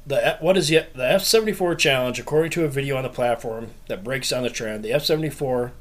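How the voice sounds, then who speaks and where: Brief: male podcast host, mid-pitched, casual and profane, laughs a lot. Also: fast. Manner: laughs often, swears, tells stories.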